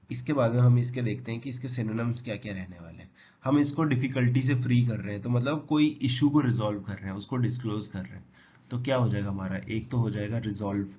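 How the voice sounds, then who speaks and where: A man teaching English vocabulary, who asks his students questions and answers them himself, spelling words out slowly. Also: medium pitch, darkish tone. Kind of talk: explanatory lesson. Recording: dull lo-fi sound with faint noise.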